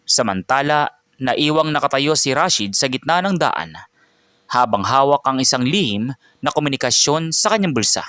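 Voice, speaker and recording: A man's voice: mid-range voice, lively intonation, normal speed, pushed and bright, dry recording. Dry-voiced male storyteller. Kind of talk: scripted story narration.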